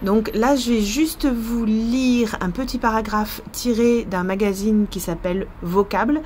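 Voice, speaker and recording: A woman's voice: fairly high pitch, fairly even intonation, measured pace, a little mellow, slight background noise. A woman with a French accent, a language teacher thinking aloud in a casual vlog, hesitant and full of fillers.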